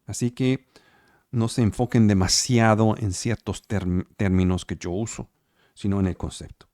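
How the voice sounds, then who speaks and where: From home, a man runs an online service of sermon and Bible study over video call, using Spanish as a second language with emphatic repetition and frequent check-ins. He has a lowish, darkish voice with fairly even intonation and a measured pace, recorded at studio quality without room sound.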